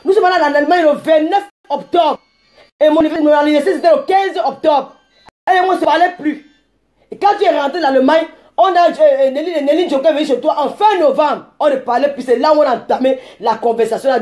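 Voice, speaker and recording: A woman, ranting combatively at commenters on a live stream, rambling and breaking into shouts. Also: sits high. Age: 40s.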